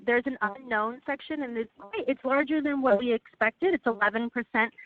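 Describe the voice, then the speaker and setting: A woman presenting slides in a webinar over a phone line, earnest and halting with frequent restarts. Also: fairly high pitch, no echo. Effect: heard over a phone line. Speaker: webinar presenter for a legal aid project. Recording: tinny, dry phone line.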